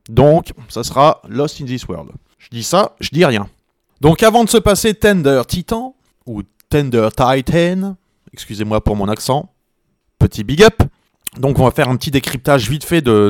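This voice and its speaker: A man's voice: mid-range voice, dry recording, studio quality. A man hosting a radio music show, talking casually and jokingly about a band's songs, with plenty of hesitations and asides. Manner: chatty and joking, with many hesitations. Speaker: radio host.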